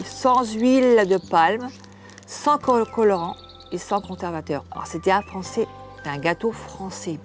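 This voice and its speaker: An older woman hosting a home cooking channel, chatting casually and homely to the camera as she unboxes food, often restarting her words. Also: mid-range voice.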